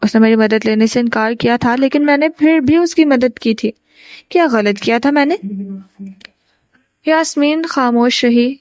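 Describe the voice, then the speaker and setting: A proud, bitter grown man defends himself with rising indignation, as a woman narrator reads him in her own fairly high voice. The sound is dry and close, with no room around it. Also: a little mellow, dry recording, lightly acted. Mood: indignant.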